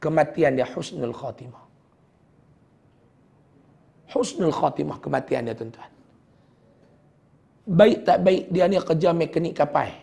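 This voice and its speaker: A middle-aged man with a Kedah Malay accent, a religious teacher telling a heartfelt personal story in a sermon, often sinking to a hushed voice. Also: fairly high pitch, unhurried, gravelly, long pauses. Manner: heartfelt storytelling, dropping to a hushed voice at sad moments.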